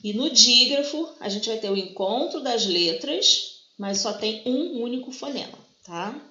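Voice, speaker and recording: Slightly high, animated, pushed and bright, this woman's voice moves at a measured pace as she patiently walks students through grammar, checking in often with "tá?". The lesson recording is echoey, dull and lo-fi.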